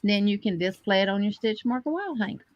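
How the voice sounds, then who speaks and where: Speaking a little fast in an expressive, medium-pitched voice, a woman co-hosts a live crochet broadcast. Her casual talk is chatty and plainspoken, packed with fillers. The recording is dry, with the highs cut off.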